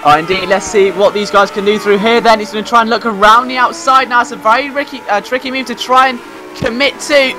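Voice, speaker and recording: A man's voice: high voice, fairly even intonation, a little fast, sharp tone. A man giving live motorsport race commentary.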